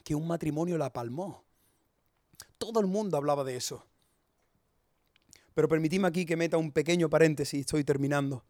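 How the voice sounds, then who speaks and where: Fiery high-voiced preacher. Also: male voice, dry recording, clean studio sound. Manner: fiery and emphatic, swings from loud warnings to quick humorous storytelling. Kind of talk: sermon.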